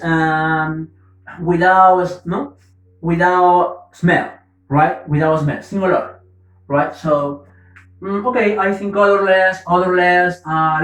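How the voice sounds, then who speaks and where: A man's voice: on the high side, distant mic. A man teaching an English vocabulary lesson, patiently repeating words and checking that students follow. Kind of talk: slow classroom explanation. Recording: roomy, from the mic.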